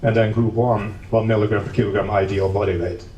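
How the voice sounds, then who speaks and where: A man from the Netherlands lectures at an academic conference in a conference hall, steady in his explanations with a dash of dry humor. He speaks fairly quickly in a lowish, dark voice with a level tone, and the audio is dull. The hall is echoey, the mic distant, and a faint noise runs underneath.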